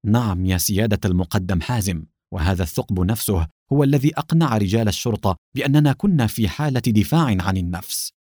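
A man's voice: lowish voice, expressive, rapid-fire, few pauses, darkish tone, husky, no room sound, clean studio sound. A man reading aloud, voicing a worried young female lieutenant in an anxious, pleading manner. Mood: sad.

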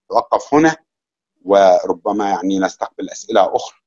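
Egyptian guy, interpreter giving a talk, husky voice, muffled recording. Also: medium pitch, a little mellow. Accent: Egyptian Arabic. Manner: reflective, with many fillers. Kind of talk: lecture and casual Q&A.

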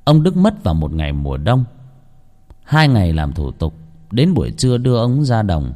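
A man narrating a ghost story in a dramatic, lively storytelling manner. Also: lowish voice, moderate pace.

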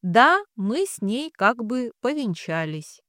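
A woman reading the part of a hoarse, evasive young groom who answers hesitantly. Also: a little high, sing-song, takes it slowly, bright, forceful tone, dry recording, studio quality, heavily acted. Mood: sheepish. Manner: hesitant, mumbling.

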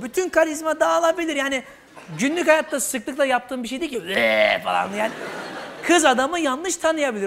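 A man doing stand-up comedy, telling an animated story and acting out characters before a live audience. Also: very high-pitched. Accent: Turkish (Istanbul). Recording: live show with crowd and noise. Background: audience laughter.

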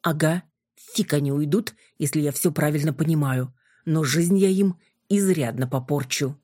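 A woman voicing a cold, strained blond male vampire from an audiobook, keeping his lines clipped and tense. The voice stays low, husky and dry, close to the reader's own. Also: normal speed, warm tone, no room sound.

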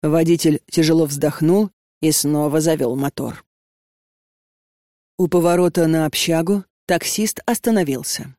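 A woman's voice: deep voice, unhurried, warm tone, no echo. Woman narrating an audiobook, dry close sound. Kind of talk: scripted narration.

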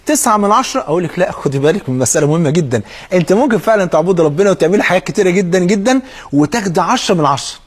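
A man with an Egyptian accent preaches at a rapid clip in a high voice. His tone is husky, and he speaks straight to the listener with pointed questions. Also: expressive. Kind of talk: sermon.

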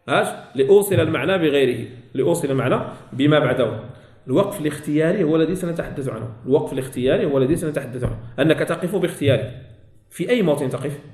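Male Moroccan Quran teacher, high-pitched, lesson recorded in a reverberant room. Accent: Moroccan Arabic. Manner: repeats key phrases, asks students questions. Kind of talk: religious lesson explanation. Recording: echoey room.

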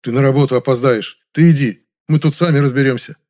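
A male narrator does a meek, flustered older man in a storybook. His lines come slightly raised and pleading, mumbled as he tries to calm everyone down. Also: medium pitch, fast, pitched above the performer's own voice, close to an everyday voice. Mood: placating. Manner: mumbling, placating.

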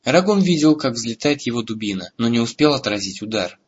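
A man narrating a fantasy audiobook in a steady storytelling manner, in a lo-fi recording. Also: medium pitch, fairly quick, slightly rough. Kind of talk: scripted narration.

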